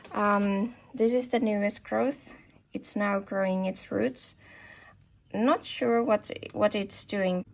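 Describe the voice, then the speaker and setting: A woman's voice: mid-range voice, gravelly. A woman giving a casual tour of her indoor plants, thinking aloud and often correcting herself. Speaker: hobby plant grower showing her collection. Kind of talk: casual show-and-tell video tour. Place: indoor plant growing space.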